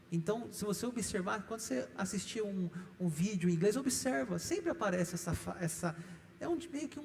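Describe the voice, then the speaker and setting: A middle-aged man with a Brazilian Portuguese accent preaches a sermon in a fairly high voice. He stresses his points with rising, repeated lists. His voice carries a long reverb through a church hall. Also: gravelly. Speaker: pastor. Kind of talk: sermon teaching.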